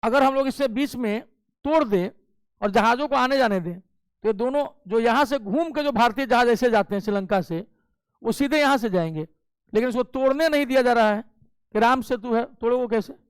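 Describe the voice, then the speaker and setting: A man's voice: very high voice, a little fast, clean tone, no room sound. A male teacher giving an exam coaching lecture, explaining step by step and checking in often with his class. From Bihar. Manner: explains step by step with frequent "ठीक है" check-ins.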